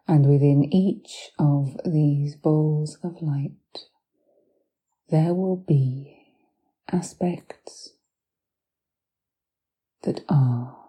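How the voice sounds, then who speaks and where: A woman with a low, very dark and mellow voice leads a guided hypnosis meditation. She speaks extremely slowly in short, soothing phrases with long pauses, softly breathy and often sinking into a whisper. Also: low-quality recording. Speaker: hypnotherapist guiding relaxation.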